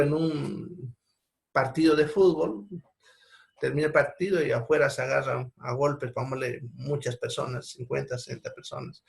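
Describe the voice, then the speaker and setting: A man gives a lecture on triage. His voice sits a bit high for a man. He explains patiently, pausing to check that his listeners follow. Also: gravelly. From Bolivia. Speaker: seminar instructor.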